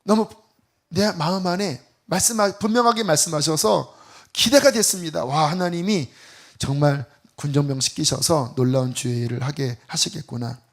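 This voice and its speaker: Middle-aged male pastor, higher-pitched tenor, lively storytelling sermon. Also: moderate pace. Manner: animated storytelling, acting out quoted voices. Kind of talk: sermon with personal testimony.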